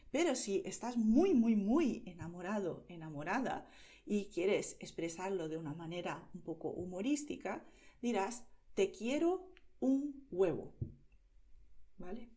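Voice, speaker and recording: Slow, mellow Spanish teacher from Spain. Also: female voice, medium pitch. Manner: slow, clear, over-articulated, checks in with "¿vale?". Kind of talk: pronunciation lesson for learners.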